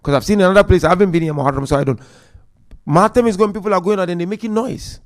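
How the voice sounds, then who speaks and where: A man's voice: high-pitched, racing. A man giving a religious lecture to a congregation in a mosque, speaking directly and with animation to the audience.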